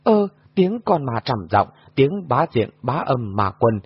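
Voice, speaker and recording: A boisterous male martial artist, played by a man jeers loudly and mockingly. His lively, husky voice comes through a dull, dry recording. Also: mid-range voice, unhurried, no room sound, full character voice. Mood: amused. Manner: jeering, amused. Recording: dull lo-fi audio.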